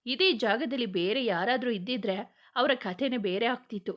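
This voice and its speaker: A woman's voice: fairly high pitch, moderate pace, highs cut off, natural voice. A woman reading as a stern young policeman. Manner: firm, scolding, forceful delivery. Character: stern young male police officer, short-tempered.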